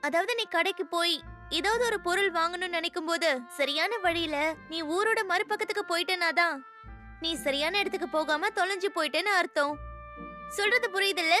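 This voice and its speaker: A very high, bright girl's voice carries this carefree anime schoolgirl, bubbly and eager to explore. She talks in a bold, upbeat way that urges her friend on. Background music runs under her lines. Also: fairly quick. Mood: encouraging. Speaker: new classmate. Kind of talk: Tamil anime dub acting. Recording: dub over background music.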